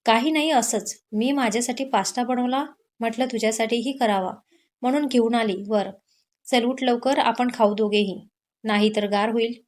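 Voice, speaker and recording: A woman's voice: on the high side, normal speed, a little mellow, lightly acted. A woman voicing a caring, teasing college-aged younger sister in an audio story. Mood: cheerful. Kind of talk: Marathi audio story narration.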